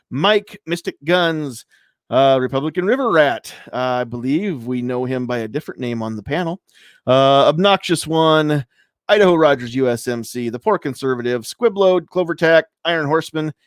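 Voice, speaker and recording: A man's voice: on the high side, animated, moderate pace, no echo. A man hosting a live podcast from a home studio, talking loosely with lots of fillers. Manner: loose and rambling, many fillers. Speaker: podcast host. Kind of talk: casual live-stream chat.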